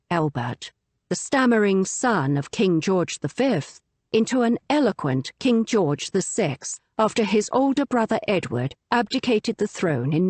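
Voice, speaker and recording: A woman reading a nonfiction audiobook aloud in a measured, articulate scripted narration. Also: medium pitch, darkish tone, no echo.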